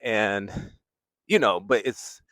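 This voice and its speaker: Here a young street vlogger on a city boulevard talks slowly and with animation, his voice on the low side and fairly bright. Mic in hand, he rambles casually, laughs a lot and keeps returning to his point; the recording has no echo.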